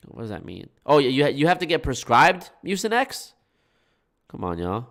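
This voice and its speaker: This live streamer has a congested, blocked-nose sound as he talks casually to viewers, full of swearing and folksy "y'all"s. His medium-pitched voice is sing-song and fairly bright, at a normal speed.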